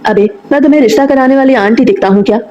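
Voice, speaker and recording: A woman's voice: sits high, racing, dark tone, echoey room, lo-fi sound, voice pushed up, close to an everyday voice. A woman voicing a possessive young man in a romance audiobook, talking in a firm, commanding way.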